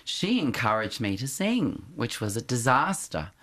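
Speaking as an interview guest, a middle-aged man recalls his school years in a reflective, story-driven way, with many restarts and quiet laughs. He is very animated yet measured in pace, with a medium pitch.

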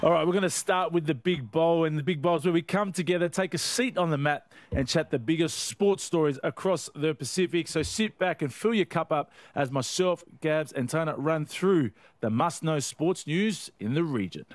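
A man's voice: on the high side, normal speed, few pauses, no room sound, faint music behind. A male sports host with a casual, upbeat radio manner. The sound is dry and close, with very little room around the voice. He chats like someone at ease presenting a regular show.

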